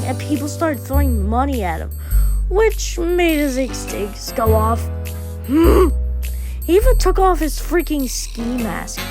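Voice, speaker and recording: A woman telling a first-person diary story in a deadpan, unhurried way. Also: high voice.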